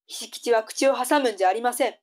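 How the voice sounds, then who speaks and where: A woman's voice: fairly high pitch, fast talker, darkish tone, natural voice. A woman playing a strict, bossy mother in a tongue-twister audio drama. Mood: scolding.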